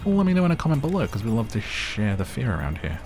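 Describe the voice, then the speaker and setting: Speaking fast and sing-song at a medium pitch, this let's-play host has a somewhat dark tone and is slightly losing his voice. Over background music, he keeps up laid-back, rambling gameplay chatter full of self-deprecating asides.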